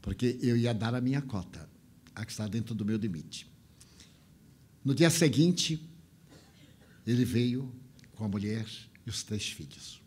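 A man's voice: mid-range voice, expressive, measured pace, long pauses, a little mellow, breathy edge. An older man giving a spiritual talk, telling a story with feeling and mimicking the voices and sounds of the people in it.

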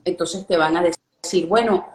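A woman's voice: medium pitch, lively intonation, normal speed, echoey room. A woman explaining speaking techniques as a guest coach, checking in with listeners often. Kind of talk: instructional live-stream talk.

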